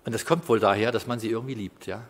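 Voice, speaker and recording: A man in his fifties preaching a sermon in a conversational way, with quiet asides and loud bursts of emphasis. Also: on the low side, steady tone, fast talker. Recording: hall with long reverb.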